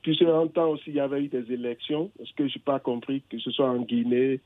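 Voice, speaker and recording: A man's voice: medium pitch, fairly even intonation, brisk, dry recording. Man calling in over a tinny phone line. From England. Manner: hesitant, searching for words, with many restarts. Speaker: caller. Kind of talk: phone-in conversation. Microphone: telephone.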